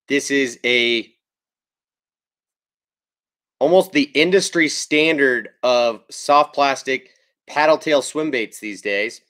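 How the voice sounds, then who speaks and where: A man's voice: mid-range voice, a bit bright. A man in his thirties hosting a casual fishing livestream from home, chatting easily and greeting viewers by name.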